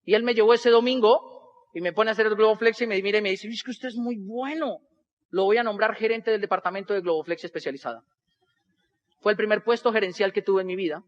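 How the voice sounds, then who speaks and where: A man's voice: sits high, fast talker, lo-fi sound. A Colombian man telling a humorous life story to an audience, acting out the people in it. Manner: animated, acts out other people's voices in dialogue.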